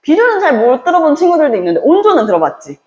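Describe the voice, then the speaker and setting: Woman, history teacher, lively swooping delivery, acts out quotes, roomy echo. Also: high-pitched, rapid-fire, muffled recording. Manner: lively storytelling, acting out characters in quoted voices. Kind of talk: animated classroom lecture with acted-out dialogue. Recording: echoey room.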